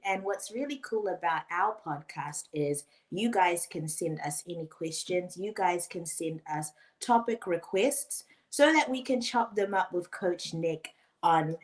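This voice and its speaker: A woman in her twenties with a New Zealand accent, co-hosting a live podcast in a bubbly, excited way. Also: medium pitch, a little slow. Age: 20s. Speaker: podcast co-host.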